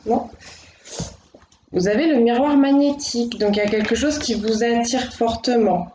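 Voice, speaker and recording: A woman's voice: on the high side, moderate pace, reverberant, a little hiss or hum, poor audio. Woman giving a casual tarot reading. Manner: thinks aloud, gentle and reassuring, many fillers. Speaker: tarot card reader.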